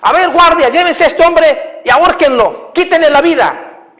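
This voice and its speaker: A man voicing an angry, proud old king in a story told during a sermon, booming and commanding. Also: expressive, moderate pace, a bit bright. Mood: furious. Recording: echoey hall.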